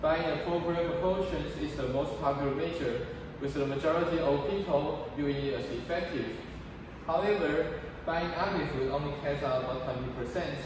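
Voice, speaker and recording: A teenage boy from Taiwan, reading a scripted English presentation as a student presenter, carefully and in measured steps. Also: a little high. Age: teens. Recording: echoey hall from far off, noisy.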